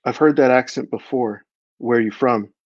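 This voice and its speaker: A man's voice: mid-range voice, normal speed, no room sound, lightly acted. A man reading aloud, voicing a weary, grumbling man in a tavern in his own voice, recorded on a dull, dry mic.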